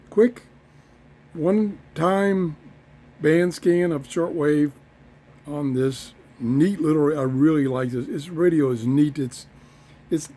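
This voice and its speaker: A man giving a casual hands-on radio demonstration, halting and thinking aloud as he goes, in a room at home. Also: on the high side, dark tone. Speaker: host of a radio review channel. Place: small indoor garden room at home. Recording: clear background noise, radio static.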